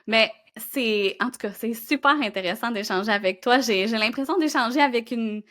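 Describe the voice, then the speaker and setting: A woman from Gaspésie hosting a podcast, engaged and warm while interviewing her guest. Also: a little high, normal speed. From Gaspésie, Quebec. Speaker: podcast host.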